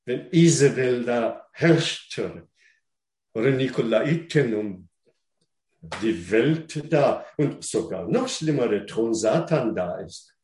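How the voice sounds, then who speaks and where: A man preaching a sermon in German, which is not his first language, at a slow and deliberate pace. He restarts and repeats words and turns questions back to the listeners. The sound is roomy, with a clear echo around the voice. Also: medium pitch, expressive, a little mellow.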